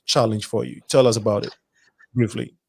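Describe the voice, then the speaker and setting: A man's voice: mid-range voice, steady tone, gravelly, slightly rough, dry recording. A man hosting an interview, restarting his words as he frames questions. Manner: halting, repeats words while framing questions. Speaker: host.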